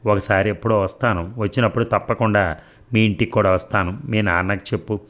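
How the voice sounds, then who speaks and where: A man's voice: fairly low pitch, steady tone, brisk, a bit bright, lightly acted. A man reading the part of a nosy, blunt older village woman who fires off prying questions in a storybook.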